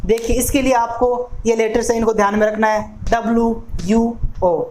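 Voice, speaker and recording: A man teaching an exam-prep lesson who speaks slowly and deliberately, spelling out words sound by sound and repeating them for drill. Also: very high-pitched, fairly even intonation, darkish tone, slight background noise, poor audio. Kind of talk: recorded classroom lesson.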